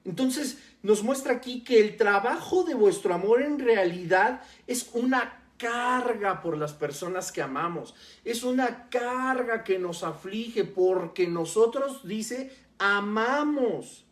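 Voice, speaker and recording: A man's voice: sits high, lively intonation, a little slow, few pauses. A man preaching a sermon as a pastor, teaching earnestly and speaking straight to the listener. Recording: roomy echo.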